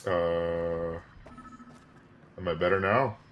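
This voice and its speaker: A man's voice: deep voice, steady tone, drawn-out words, highs cut off, slight background noise. Man with a distorted demonic-sounding voice. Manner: hesitant, asks short tech-help questions. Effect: distorted demonic-sounding voice from a wrong sample rate. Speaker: friend on a voice call. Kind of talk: casual chat. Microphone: voice chat over the internet.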